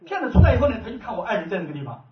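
A man's voice: sits high, very animated, rapid-fire, background noise. A man giving a testimony sermon, telling his story with animation and frequent laughter. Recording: dull, echoey, from far off.

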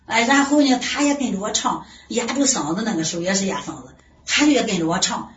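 A woman's voice: mid-range voice, lively intonation, fast. A middle-aged woman giving an earnest personal faith testimony, full of sighing exclamations. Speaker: church member giving testimony. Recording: distant roomy lo-fi recording with faint hiss.

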